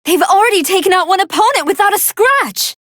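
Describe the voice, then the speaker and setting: Female android scientist, video game fight commentator, very high voice, animated intonation, articulate, analytical. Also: brisk, no room sound, clean studio sound. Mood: composed, analytical.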